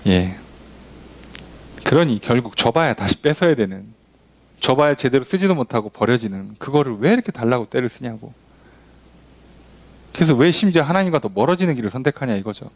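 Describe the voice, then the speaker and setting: A man's voice: medium pitch, a little fast, long pauses. A man, a pastor leading a Bible study, teaching in a casual, conversational way, asking rhetorical questions and acting out quoted voices. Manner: animated, acts out quoted voices, asks the congregation questions.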